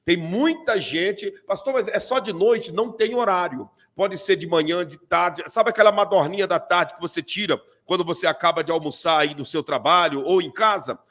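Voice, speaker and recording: A man with a Brazilian Portuguese accent, a pastor commenting on video clips during a live stream, animated and full of repeated fillers. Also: high-pitched, normal speed, few pauses.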